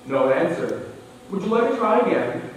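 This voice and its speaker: A stubborn, mocking pay phone recording, as a man acts it out, built from choppy spliced-together words that leap up and down in pitch. It sounds from far off in an echoey hall with a long tail, and a faint hiss sits underneath. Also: sing-song, moderate pace. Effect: choppy spliced-together recorded prompts, words jumping in pitch.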